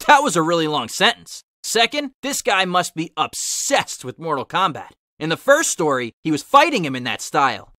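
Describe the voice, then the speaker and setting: A cocky cartoon hedgehog hero voiced by a man reads a story in a bright, animated voice. He is wry and sarcastic in his asides, and the recording is very dry. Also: sits high, dry recording. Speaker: host and reader. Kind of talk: animated fan fiction reading with wry commentary.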